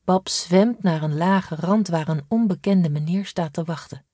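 A woman narrating a first-person audiobook in a steady, measured way. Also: on the low side, no echo, clean studio sound. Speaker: audiobook reader.

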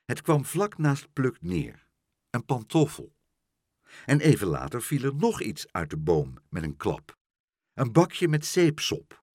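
A man reading a children's story aloud with expressive, dramatic storytelling. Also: mid-range voice, slow, husky, no echo, studio quality.

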